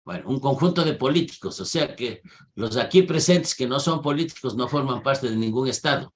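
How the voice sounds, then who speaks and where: A male lecturer teaching over a video call. He talks in a didactic way, asking his students questions and pressing on their answers. His voice sits in a middle pitch. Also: lively intonation, normal speed. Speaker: university lecturer. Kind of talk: online class lecture with questions.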